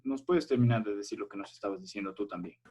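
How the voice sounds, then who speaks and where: A man's voice: fairly low pitch, fast, mellow, breathy edge. A man teaching a primary school language class over a video call, explaining patiently step by step and checking that the children follow.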